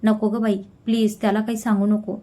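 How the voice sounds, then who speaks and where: A woman voicing a chatty young woman who fusses over her friend with a lively, scolding manner. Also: mid-range voice, brisk, close to an everyday voice.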